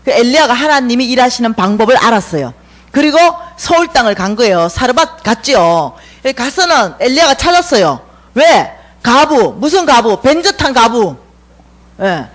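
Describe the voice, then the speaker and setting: A woman's voice: on the high side, very animated, normal speed. A woman giving a revival lecture at a church, acting out the dialogue between God and Elijah.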